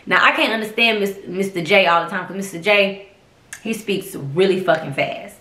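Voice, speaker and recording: A young woman tells a story in an animated, sassy and foul-mouthed way. Her voice is bright and forceful, and the room adds a roomy echo. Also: mid-range voice, moderate pace. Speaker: host. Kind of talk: casual storytelling monologue.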